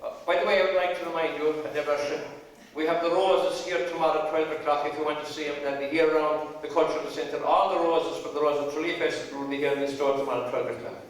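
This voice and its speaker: Echoey, high-pitched Irish man hosting on stage. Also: steady tone, fast talker. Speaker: master of ceremonies of a traditional music show. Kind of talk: informal live stage announcing. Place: large hall, live in front of an audience. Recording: echoey hall from far off, noisy audience.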